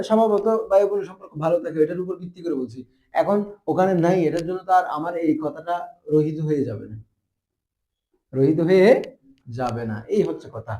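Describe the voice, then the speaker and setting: A man with a slightly high, dark-toned voice teaches Arabic grammar in a madrasa classroom. He quizzes his students relentlessly through rhetorical questions.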